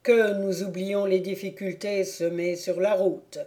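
A woman reading the part of a stern, persuasive older count speaking to his son in an audiobook, with measured, solemn delivery. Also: medium pitch, level tone, dark tone, natural voice.

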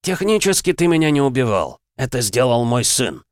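A man's voice: mid-range voice, very animated, normal speed, no echo, studio quality, pitched above the performer's own voice, natural voice. A man voicing a gloating undead demon father who sneers and taunts his son.

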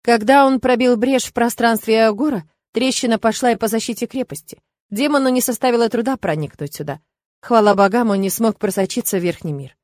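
A woman voicing a confident, teasing young male emperor in an audiobook, with a lively, raised delivery and a wry edge. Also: fairly high pitch, fairly quick, no echo, lightly acted. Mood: assured, teasing.

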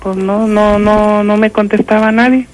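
Older mexican lady calling a radio show, flat monotone voice, lots of "este" and restarts. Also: mid-range voice, soft background music, rough recording. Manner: halting, full of fillers and restarts. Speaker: caller. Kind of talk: telling a ghost story on a radio call-in.

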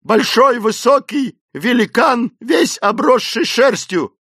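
A man's voice: expressive, takes it slowly, sharp tone, dry recording, clean studio sound, full character voice. A man voicing a terrified, hysterical elderly woman servant in an audiobook, wailing and pleading. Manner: shrill wailing pleas, sobbing cries. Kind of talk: audiobook character voice.

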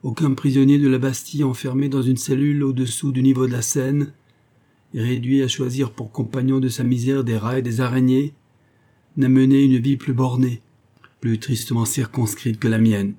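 A man's voice: medium pitch, little pitch movement, normal speed, dark tone, voice pushed up, lightly acted. A man reading an audiobook, voicing a bitter, stern and unhappy young woman of twenty-three in an impassioned, raised tone.

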